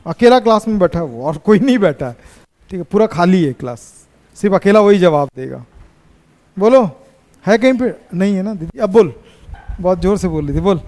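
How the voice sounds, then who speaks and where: A man teaching a physics class, teasing his students and pushing them to answer quickly. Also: high voice, expressive, darkish tone, big-room sound.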